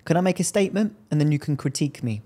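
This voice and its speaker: A man's voice: on the high side, animated, rapid-fire, dark tone. Teasing London man interviewing. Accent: London English. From London, England. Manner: teasing, chatty. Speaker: interviewer host. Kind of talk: casual interview.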